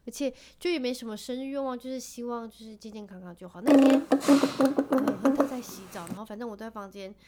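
A woman's voice: a little high, fairly quick, very noisy. Chatty woman in her thirties. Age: 30s. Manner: chatty, laughs often, tender storytelling. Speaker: podcast host. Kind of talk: casual chat.

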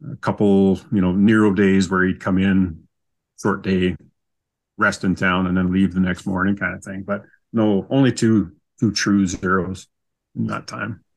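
This man's deep voice barely moves in pitch and runs a little slow as he shares stories on a podcast. Originally from southern Saskatchewan, Canada, he has a Canadian accent and an easygoing, self-deprecating style as a casual interview guest.

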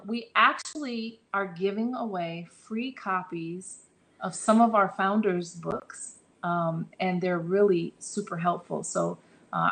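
Woman guest on a business podcast, earnest and encouraging, bit of gravel in the voice. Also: fairly low pitch, slight background noise, low-quality recording. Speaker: guest, publishing company leader. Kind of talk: podcast interview answers.

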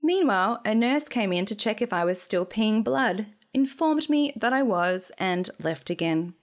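A woman's voice: medium pitch, expressive, a little slow. A young woman reading her own memoir aloud in a dry, wry storytelling manner. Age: young adult. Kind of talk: memoir narration.

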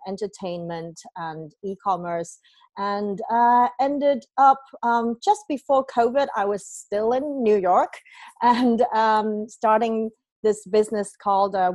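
A cheerful middle-aged woman from Hong Kong talks as an interview guest, laughing often and pausing with many hesitations. Her voice is recorded close and dry. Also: medium pitch, no room sound. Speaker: guest, company founder. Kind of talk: podcast interview.

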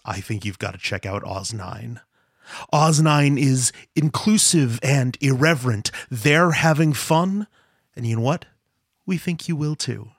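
As a podcast host, a man reads scripted sponsor messages and show announcements over background music. His mid-range voice is recorded at studio quality with no echo.

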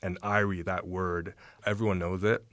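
A man interviewing an author, relaxed and affirming, with frequent short "mm" responses. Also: low-pitched, normal speed, dry recording. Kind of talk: conversational interview.

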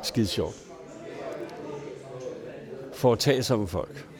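With a crowd audible in the background, a Danish storyteller with a lowish, expressive voice shares old pub anecdotes in a neighbourhood pub. His speech is salty and colloquial, broken by the occasional chuckle.

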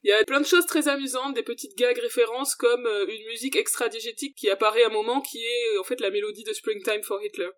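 A woman co-hosting a casual podcast about musicals, lively and opinionated, with fillers. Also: on the high side, fast talker, few pauses. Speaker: podcast co-host.

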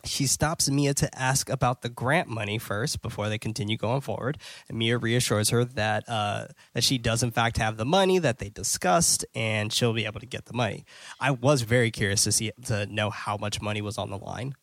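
A man's voice: mid-range voice, moderate pace, fairly bright tone, no echo. A man hosting a casual movie-review podcast, recapping a plot in a loose, filler-heavy way and swearing now and then. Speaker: podcast host.

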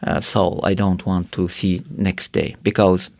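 Recorded dry in a studio, this gravelly-voiced guest from Karakalpakstan, Uzbekistan, sits low and delivers his words flatly with a slightly mellow tone. English isn't his native language, so his personal testimony in the interview comes out halting and earnest, with lots of fillers.

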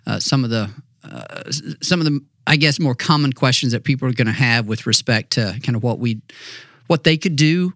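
A man's voice: mid-range voice, a little fast, fairly bright tone, dry recording, studio quality. A man hosting an interview show, informally feeling his way through roundabout questions in a conversational style. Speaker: podcast host, interviewer.

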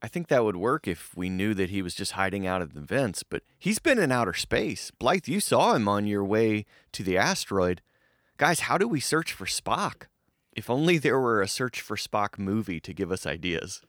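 A man's voice: fairly low pitch, sing-song, normal speed, fairly bright tone, no echo, clean studio sound. A man hosting a comedy trivia podcast, bantering playfully in a theatrical, swooping manner. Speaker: podcast host.

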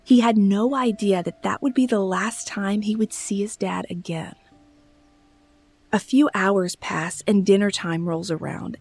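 A woman podcast host giving scripted true-crime narration in a measured storytelling manner. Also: medium pitch, darkish tone, breathy edge, dry recording.

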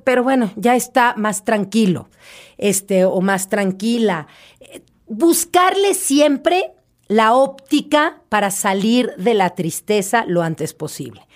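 A woman hosting an advice podcast, chatty and lively, with frequent asides and restarts. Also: medium pitch, takes it slowly. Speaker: podcast host. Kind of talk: casual advice talk.

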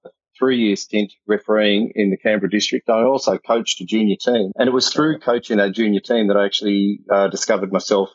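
A man's voice: on the low side, fairly even intonation, fairly quick, breathy edge, dry recording, dull audio. A man in his fifties with an Australian accent, a chatty, rambling guest telling stories over a video call. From country New South Wales, Australia. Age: 50s. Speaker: guest coach. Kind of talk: casual interview.

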